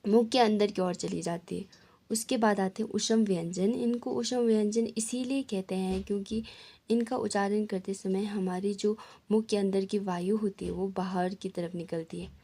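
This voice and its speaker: A woman teacher explaining a grammar lesson slowly and patiently, spelling out sounds one by one. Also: medium pitch, dark tone.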